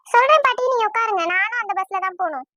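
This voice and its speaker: A woman's voice: extremely high pitch, lively intonation, fast talker, pushed and bright, no echo, heavily acted. A woman voicing a fretful, easily flustered young woman who complains and sounds exasperated, in a cartoon. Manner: whiny, exasperated. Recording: dull lo-fi dry sound.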